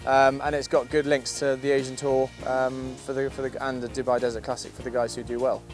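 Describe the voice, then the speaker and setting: A man's voice: mid-range voice, flat delivery, fairly quick. A man from Scotland, a professional golfer, giving upbeat, enthusiastic interview answers. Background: music.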